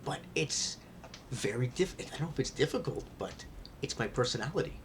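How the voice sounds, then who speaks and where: A man talking in a rambling confessional vlog, often restarting his sentences and swinging between quiet muttering and loud excitement. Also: medium pitch, moderate pace, slight background noise. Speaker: vlogger.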